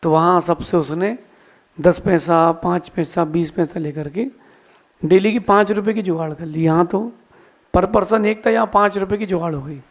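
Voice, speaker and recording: A man's voice: high voice, normal speed. A man, a monk preacher, giving a sermon in a folksy, moralizing storytelling manner. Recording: slightly dull lo-fi sound.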